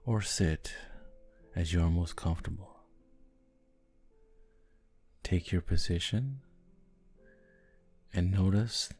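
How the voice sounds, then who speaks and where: Gentle and soothing, a low-voiced, mellow man talks listeners toward sleep in a guided hypnosis set to background music. His pitch hardly moves, he pauses at length, and now and then he eases into a breathy, almost whispered tone.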